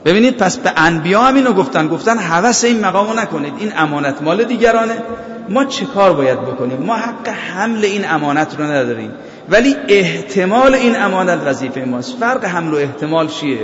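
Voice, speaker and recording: A man's voice: high voice, animated, a bit bright. Preaching man in an echoey hall. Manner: recites Arabic verses slowly, asks listeners if they follow. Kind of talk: sermon. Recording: echoey hall, dull lo-fi sound.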